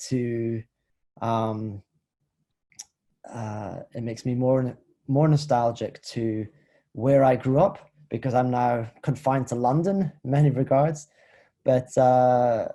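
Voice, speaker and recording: A man from the Scottish Highlands giving an academic talk over a video call, thoughtful and hesitant, with many fillers and restarts. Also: dark tone. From Highlands of Scotland. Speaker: lecturer. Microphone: video call computer mic.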